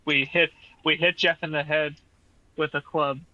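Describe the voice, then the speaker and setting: A man's voice: a little high, level tone, moderate pace. A man bantering casually as a player in a tabletop game. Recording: dull lo-fi sound.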